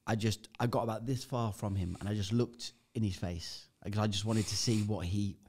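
A man's voice: lowish voice, fairly even intonation, moderate pace, darkish tone, slight background noise. A man, a podcast guest, telling a vivid anecdote in casual chat and swearing freely. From United Kingdom.

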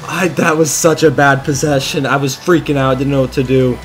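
Young guy narrating his basketball game live, gets loud and cusses a lot, ordinary mid pitch. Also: brisk, slight background noise. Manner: excitable, swears often, yells at the game. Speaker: gaming channel host. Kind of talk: live gameplay commentary.

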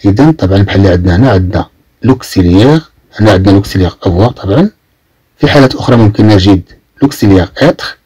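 A Moroccan man with a low, slightly husky voice teaches a French lesson in a Moroccan Arabic accent. He says each phrase twice, then translates it, with a lively rise and fall in his pitch. The sound is close and dry. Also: racing, no room sound. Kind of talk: explaining vocabulary in a lesson.

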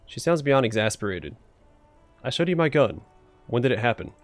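A man's voice: mid-range voice, very animated, normal speed, dry recording, faint music behind. A man reading video game dialogue and narration aloud in a casual, tentative manner. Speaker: let's player reading the game's dialogue aloud.

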